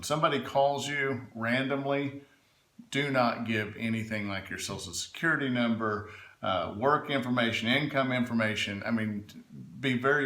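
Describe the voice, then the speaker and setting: A man's voice: mid-range voice, pushed and bright. A man giving informal, explanatory advice in an interview, speaking emphatically and often checking that he is understood. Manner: emphatic, checks in with "right?" and "okay?". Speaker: legal adviser being interviewed. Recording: echoey room.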